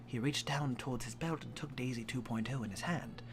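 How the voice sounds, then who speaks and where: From his home streaming setup, a young man gives a comic dramatic reading of a fan story for a live audience, full of swearing and laughing asides. He speaks a little fast in a mid-range voice, with some background noise.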